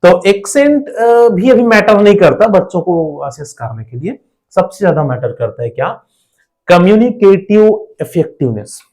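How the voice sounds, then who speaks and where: A man's voice: high-pitched, sing-song, normal speed, a little mellow. An Indian man teaching an exam prep lesson, explaining step by step and often asking rhetorical questions.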